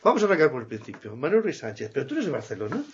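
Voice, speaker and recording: A man's voice: mid-range voice, very animated, rapid-fire, highs cut off, a little hiss or hum. A man interviewing a guest in casual Spanish conversation, chatty and full of affirming interjections.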